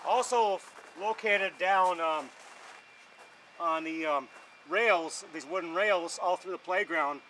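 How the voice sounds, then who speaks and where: A man's voice: high voice, fairly bright tone, a little hiss or hum, poor audio. A middle-aged man from northern New York giving a rambling, chatty tour of an outdoor playground, filmed by a cameraman. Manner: rambling, chatty, with many fillers. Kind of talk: casual walking tour commentary. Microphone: camera held by a cameraman.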